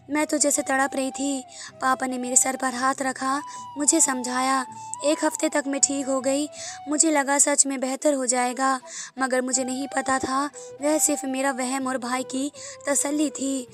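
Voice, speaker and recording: Woman, sorrowful first-person storyteller, high voice, faint background music. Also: fairly bright tone.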